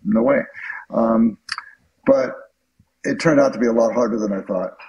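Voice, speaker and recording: A man in his fifties talks as a guest in a podcast interview. He reflects aloud, pausing with ums and restarting his sentences before he drives a point home with emphasis. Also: medium pitch, dull audio. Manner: hesitant, many ums and restarts, then emphatic. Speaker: author and guest. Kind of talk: conversational interview.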